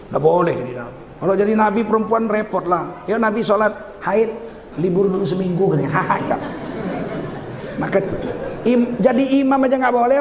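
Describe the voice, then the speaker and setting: A man from Indonesia preaching a humorous sermon, telling the story with lively asides and acted-out quotes. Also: high voice, reverberant, big-room sound, a little hiss or hum.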